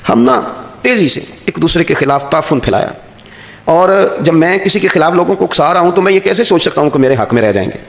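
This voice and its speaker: A man's voice: expressive, gravelly. Man preaching an earnest sermon. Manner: rising to an emphatic, preaching pitch when stressing points. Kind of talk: Islamic sermon.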